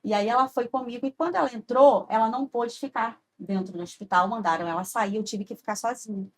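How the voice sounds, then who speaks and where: A woman's voice: fairly high pitch, fast. A woman, a podcast guest telling an earnest personal faith story and often checking in with "sabe?". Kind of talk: heartfelt personal testimony.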